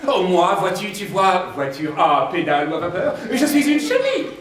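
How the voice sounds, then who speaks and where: A woman's voice: lowish voice, very animated, moderate pace. A woman playing a cheeky, zany caterpillar with a boy's voice in a children's stage play, teasing and singsong. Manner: zany, singsong, rattles off greetings in many languages, teasing. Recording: echoey stage from far off.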